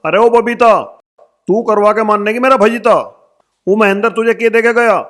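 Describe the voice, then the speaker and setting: A man playing a rough, scolding husband in a village comedy sketch. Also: sits high, level tone, moderate pace, a bit bright. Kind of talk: rustic comedy acting.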